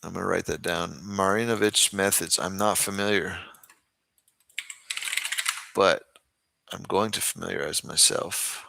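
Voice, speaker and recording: A man's voice: low voice, fairly even intonation, a little slow, creaky, pauses often, pushed and bright. A man from the United States chatting casually and informally as host, speaking directly to his viewers. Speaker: host, boxing club trainer. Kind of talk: casual livestream chat.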